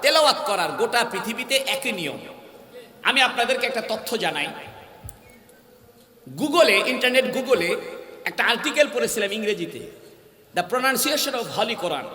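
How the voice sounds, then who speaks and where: A man's voice: high-pitched, sharp tone. A man preaching an emphatic sermon, calling on the crowd to answer back. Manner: emphatic, calls crowd to respond. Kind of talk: Bangla waz sermon. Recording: echoey hall-like PA sound.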